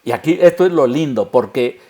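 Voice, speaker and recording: A man's voice: mid-range voice, lively intonation, a little fast, warm tone. A man, a pastor, preaching a sermon earnestly and speaking straight to the listener.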